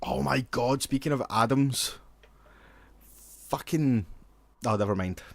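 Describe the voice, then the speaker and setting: Sweary, excitable man. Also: mid-range voice, gravelly, dry recording. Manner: excitable, sweary, quick to laugh. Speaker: podcast co-host. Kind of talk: casual chat.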